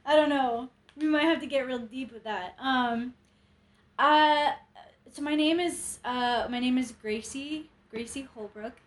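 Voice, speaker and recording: A woman's voice: sits high, measured pace. A woman in her twenties, a podcast guest at a friend's home, chatting nervously with lots of giggles and casual swearing. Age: 20s. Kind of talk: casual chat.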